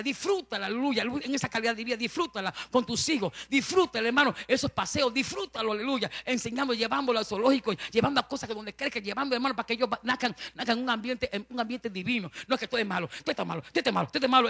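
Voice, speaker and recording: A man preaching with fervor, his voice very high and bright. He talks fast and keeps addressing his congregation as brother. Hallelujahs and amens punctuate his talk. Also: creaky. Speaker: pastor. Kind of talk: lively Spanish-language sermon.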